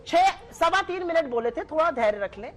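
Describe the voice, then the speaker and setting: Very high-voiced combative woman. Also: big pitch swings. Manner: combative, rapid-fire accusations. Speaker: party spokesperson. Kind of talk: TV debate argument.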